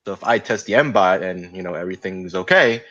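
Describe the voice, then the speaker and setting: Brief: relaxed guest, man, somewhat low voice, muffled lo-fi sound. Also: a little fast. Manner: easygoing, chuckling, agreeable. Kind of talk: casual livestream chat.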